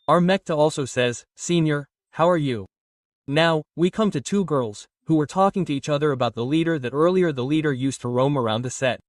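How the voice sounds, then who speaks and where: A man's voice: a little high, no echo, studio quality, distant mic. A man narrating a comic story recap, reading all the characters' lines in his own narrating voice.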